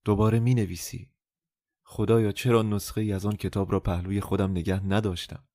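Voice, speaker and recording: A man reading the part of a resolute, tender young woman in love, in his own low voice, for an audiobook. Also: level tone, mellow, no room sound, clean studio sound, close to an everyday voice.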